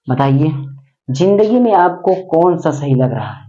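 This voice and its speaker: A man teaching a grammar lesson with a dark, mellow voice. He repeats words and keeps asking the class questions. The sound is dull and lo-fi. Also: a little high, very animated, a little slow.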